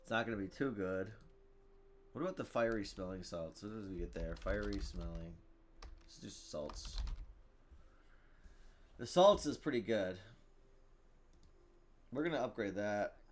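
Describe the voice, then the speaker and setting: A man's voice: on the low side, lively intonation, a little slow, pauses often. A man casually commentating his own card game, thinking aloud, reading item text and groaning at bad luck. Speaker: gaming streamer.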